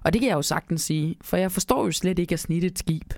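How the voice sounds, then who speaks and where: A woman narrates a children's Christmas story in a calm, measured way, then chats casually. Her voice sits low with a gravelly fry, and the recording is close and dry. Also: dry recording. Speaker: storyteller and co-host. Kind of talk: storybook reading and casual chat.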